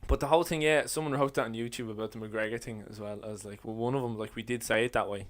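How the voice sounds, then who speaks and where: A man's voice: lowish voice, steady tone. A young Irish man, an independent filmmaker, chatting casually and swearing freely on a podcast. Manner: rapid, profane, laughs often.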